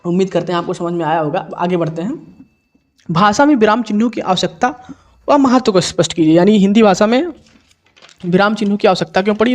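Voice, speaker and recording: In a lesson, a high-pitched male teacher works through an exam paper step by step, repeating himself often and correcting himself along the way.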